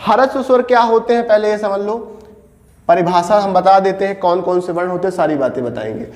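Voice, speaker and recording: A man's voice: sits high, brisk, a little mellow. A man teaching a Hindi grammar lesson, who asks his class questions and answers them himself and repeats the key points. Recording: echoey room with reverb.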